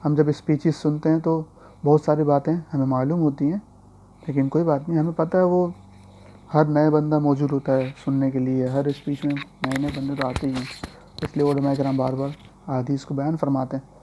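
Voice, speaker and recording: A man teaching Quran reading in a slow, patient spoken lesson, spelling out letters and repeating each rule. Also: on the high side, level tone, dark tone, a little hiss or hum.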